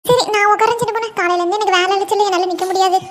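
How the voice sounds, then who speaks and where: A chatty cartoon village auntie, played by a woman in a very high, piping voice. She gossips in a quick sing-song patter and rattles along briskly. Several women of the neighbourhood share this voice. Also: steady tone, a bit bright, a little hiss or hum. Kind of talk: animated cartoon voice acting.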